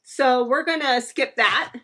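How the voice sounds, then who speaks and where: In her living room, a woman in her thirties unboxes home decor and chats eagerly to the camera, gushing over each item. Her high voice is pushed and bright but unhurried, heard through a camera placed across the room.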